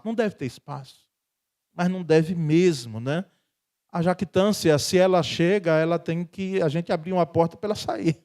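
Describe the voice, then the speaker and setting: A Brazilian pastor delivers a conversational sermon in a church, his voice sitting notably high for a man. He leans on friendly tag questions and frequent chuckles to keep the congregation with him. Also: darkish tone. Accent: Brazilian Portuguese.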